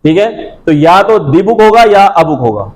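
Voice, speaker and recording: A man teaching Arabic grammar to a classroom, loudly and prompting students again and again to answer. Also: high voice, expressive, a little slow, low-quality recording. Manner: drills students with repeated questions and prompts; loud, projecting voice to a class.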